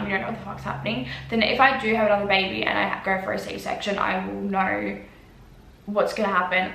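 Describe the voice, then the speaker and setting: Young woman, casual vlogger, mid-pitched, loose and sweary, recorded in a roomy space. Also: vocal fry, fairly bright tone. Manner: chatty, swears freely, many fillers. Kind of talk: casual storytime vlog. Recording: echoey room.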